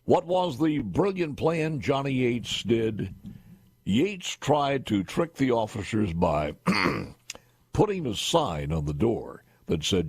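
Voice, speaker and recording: A man's voice: on the low side, vocal fry, darkish tone, husky, dry recording. An older man, a radio talk show host telling wry folksy stories and chatting with a guest in a studio. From Mississippi. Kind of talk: casual radio talk and interview. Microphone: studio boom mic with headphones.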